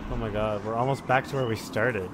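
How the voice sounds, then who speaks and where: A man's voice: fairly low pitch, steady tone, a little fast. A man hosting a let's-play, chatting casually with a co-player, laughing often and swearing mildly. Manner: laid-back, laughs often, mild swearing. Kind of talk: casual gaming chat. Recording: noisy background.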